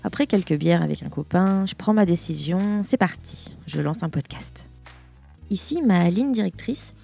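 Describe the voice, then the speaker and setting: Gravelly-voiced woman in her thirties hosting. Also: lowish voice. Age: 30s. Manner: lively, outspoken, informal. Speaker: podcast host. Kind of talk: podcast intro and interview.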